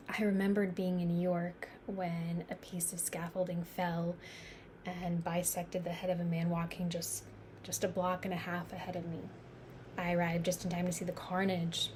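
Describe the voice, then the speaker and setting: A woman's voice: fairly low pitch, a little mellow, close to an everyday voice. Actress as reflective woman in intense dramatic monologue, noisy recording. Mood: grave. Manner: halting, confiding, pausing and repeating words for emphasis. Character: reflective New York woman musing on mortality. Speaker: actor performing a stage monologue.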